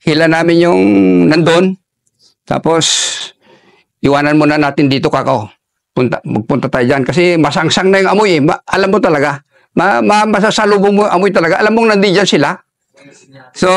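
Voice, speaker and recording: An older man, an army veteran, telling a war story in an interview in a halting way, with many restarts, and dropping his voice for quoted lines. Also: high voice, fairly even intonation, fairly bright tone, no room sound, clean studio sound. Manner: halting, restarts often while recalling combat.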